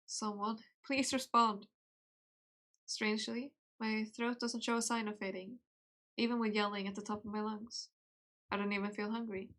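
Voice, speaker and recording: A young woman at an ordinary, mid-range pitch reads a game's story aloud on a live stream. Her reading is slow and hushed. She keeps stopping for giggly, offhand chatter. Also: little pitch movement. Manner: slow, soft reading broken by giggly casual asides.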